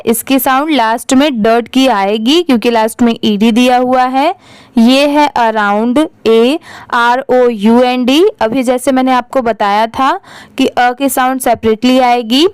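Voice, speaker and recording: A woman's voice: high voice, clean tone, no echo, rough recording. A woman with a Hindi accent teaching English reading. She spells each word letter by letter and then asks the class how to read it. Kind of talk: slow spelling-out reading lesson.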